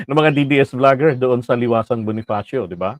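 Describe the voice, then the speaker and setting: A man's voice: mid-range voice, normal speed, no room sound. Man, Filipino accent, livestream commentator, chatty and rhetorical, dry close sound. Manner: chatty, rhetorical, mixes English phrases, laughs often. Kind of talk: casual political commentary.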